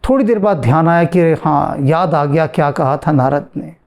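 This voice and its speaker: A man giving a slow, deliberate devotional talk as a spiritual teacher, answering a question and repeating phrases for emphasis. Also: on the high side, creaky, a little mellow.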